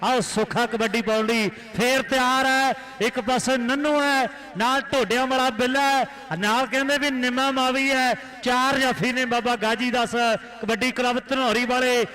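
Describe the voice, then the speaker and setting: A man commentates a rural kabaddi match in a frantic style with an Indian Punjab accent. His voice is pitched extremely high and cuts through brightly, and he fires off repeated names and phrases in excited bursts. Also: normal speed, few pauses, poor audio. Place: live commentary at a village kabaddi tournament ground.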